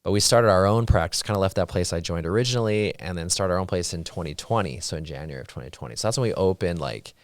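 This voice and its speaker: A man's voice: deep voice, quick pace, few pauses, dry recording. A man in his thirties, a plastic surgeon guest, chatting casually with many fillers. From Utah, raised partly in Saudi Arabia. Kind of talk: casual interview chat.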